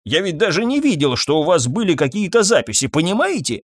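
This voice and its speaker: A man voicing a calm, indifferent hotel manager who speaks in an unhurried, dryly evasive way. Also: on the high side, dry recording, studio quality, voice pushed up. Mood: dismissive.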